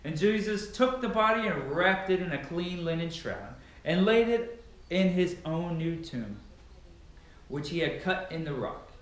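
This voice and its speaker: His pitch sits high and his delivery is lively but measured as this young man reads the Bible with dramatic emphasis. The camera stands at a distance in a large, barely furnished living room, and the sound bounces around a lot.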